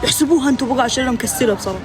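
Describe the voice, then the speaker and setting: Rapid-fire young woman streaming outdoors. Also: sits high. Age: 20s. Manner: playful, dramatic mock laments. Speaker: live-stream host. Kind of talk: casual live-stream chat. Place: outdoors in a garden with people and traffic around. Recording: outdoor recording with crowd chatter.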